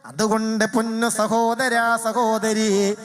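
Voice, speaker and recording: Male preacher, high voice, unhurried delivery, chanted verse, faint music behind. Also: level tone. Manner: dramatic preaching, drops to soft rapid storytelling then slow chanted Arabic verse. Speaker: Islamic preacher. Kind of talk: Malayalam sermon.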